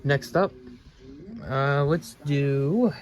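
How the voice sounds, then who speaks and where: A man's voice: medium pitch, drawn-out words. Rambling young-sounding man showing off game pickups. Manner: rambling, stumbles over words and restarts. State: stuffy from allergies. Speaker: game collecting channel host. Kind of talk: casual haul video, reading game back covers aloud.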